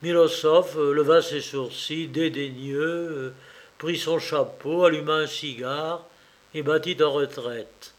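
A man narrating an audiobook in a measured way, with occasional small hesitations. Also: a little high, fairly even intonation. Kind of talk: audiobook reading.

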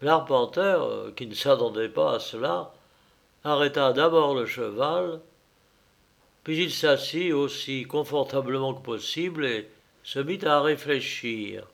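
A man narrating a classic story aloud in a measured, deliberate reading. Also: medium pitch, creaky.

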